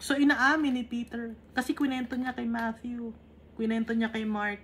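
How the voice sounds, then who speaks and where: A woman from the Philippines teaches a Bible lesson in a fairly high voice. She reads each English verse aloud and then unpacks it in relaxed, chatty Tagalog, tossing in quick tag questions as if talking with a small group. A faint hiss of background noise sits under the recording.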